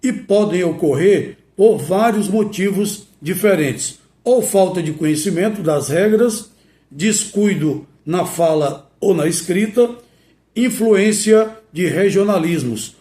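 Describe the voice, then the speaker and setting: Guy teaching grammar, kinda high voice, spells stuff out slowly. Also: warm tone, echoey room. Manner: slow, deliberate, spells words out letter by letter. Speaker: Portuguese language teacher. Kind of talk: didactic video lesson.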